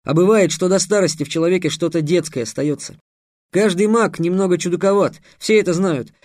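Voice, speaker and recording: A man's voice: high voice, fairly quick, darkish tone, dry recording, close to an everyday voice. A young mage in an audiobook, sarcastic and bold, lecturing with cool scorn in a slightly raised voice, read by a man. The sound is close and dry.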